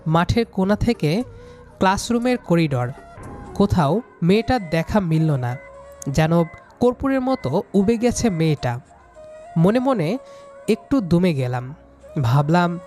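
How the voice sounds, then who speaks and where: A young man narrates a scripted first-person story as its student hero, acting out his own lines of dialogue over background music. His voice sits high with a darkish tone.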